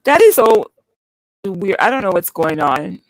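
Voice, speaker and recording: A woman's voice: mid-range voice, very animated, unhurried, no echo, poor audio. A woman co-hosting a casual live stream over an online call, her audio glitching and sounding robotic as it breaks up. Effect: glitchy, robotic-sounding call audio that keeps breaking up. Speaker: co-host.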